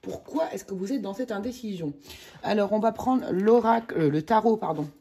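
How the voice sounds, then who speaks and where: A woman from France giving a casual monthly tarot reading, chatty, with many hesitations and excited exclamations over the cards. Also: medium pitch, normal speed, slightly rough. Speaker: tarot reader.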